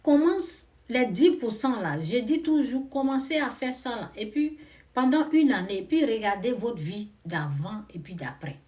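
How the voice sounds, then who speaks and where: A woman's voice: on the high side, very animated, measured pace, distant mic. A woman, giving fervent spiritual advice and repeating pointed rhetorical questions. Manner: emphatic, repeats rhetorical questions, swings from loud to quiet.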